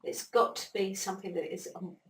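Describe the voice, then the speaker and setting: A woman explaining ideas as an interview guest, animated and acting out little inner voices as she talks. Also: medium pitch, brisk. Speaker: interview guest, brain expert. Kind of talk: conversational interview. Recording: roomy, distant mic, faint noise.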